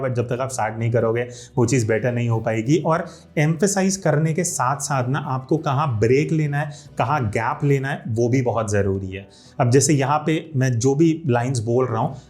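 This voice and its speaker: A man's voice: mid-range voice, darkish tone. Man coaching casually on camera. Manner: conversational, stresses key words, mixes English into Hindi. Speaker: YouTube creator teaching video skills. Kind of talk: casual instructional talk to camera. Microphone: studio microphone.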